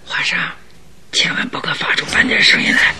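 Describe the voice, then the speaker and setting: An actor playing Sherlock Holmes, a composed, grave detective with a deliberate, confiding manner, in a radio drama. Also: male voice, in a whisper, close to an everyday voice. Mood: hushed warning.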